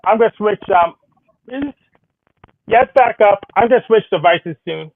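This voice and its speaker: A man's voice: sits high, animated, no room sound, narrow, tinny audio. A man chatting casually from his home office through a wireless earbud, heard on a thin, glitchy line, rambling and correcting himself as he goes. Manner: rambling, self-correcting, hurried. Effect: thin glitchy earbud mic sound. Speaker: co-host. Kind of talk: casual chat.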